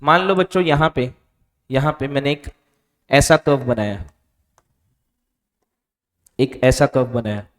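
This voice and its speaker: A man's voice: mid-range voice, lively intonation, unhurried, long pauses. Man teaching with a reverberant echo. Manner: asks questions and answers them himself; stretches out key answer words softly. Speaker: physics teacher. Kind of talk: classroom lecture at a board. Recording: reverberant room.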